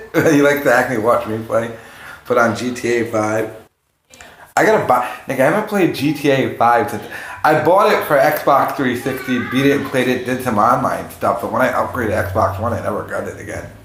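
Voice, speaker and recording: A man's voice: mid-range voice, animated, normal speed, a bit bright, slight background noise. A man chatting casually and profanely as a livestream host, rambling and jumping from topic to topic. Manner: rambling, jumps between topics. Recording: roomy, echoing room sound.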